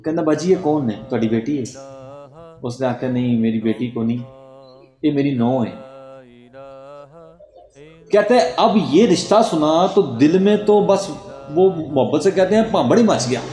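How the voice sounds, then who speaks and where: A man with a somewhat high, mellow voice tells a Sufi devotional story with drama, dropping into a lower voice for quoted speakers. He sounds roomy, with a long hall reverb behind him. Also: lively intonation, pauses often, faint music behind. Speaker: religious storyteller.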